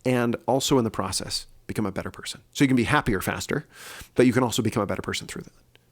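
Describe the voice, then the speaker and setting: A man's voice: on the low side, fast. A man hosting his own solo podcast, speaking earnestly and thinking aloud with fillers and restarts. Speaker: podcast host.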